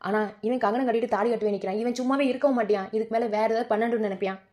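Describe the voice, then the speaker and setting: A woman's voice: on the high side, steady tone, very fast, darkish tone, lightly acted. A woman voicing an older village grandmother in a cartoon, pleading with her family in a Madurai Tamil accent. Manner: earnest, pleading family advice.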